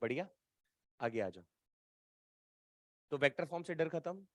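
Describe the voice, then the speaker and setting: A man's voice: on the high side, very animated, a little slow, no room sound, clean studio sound. A man teaching a physics class live from Bihar, chatting and teasing his students as he quizzes them through problems. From Bihar, India.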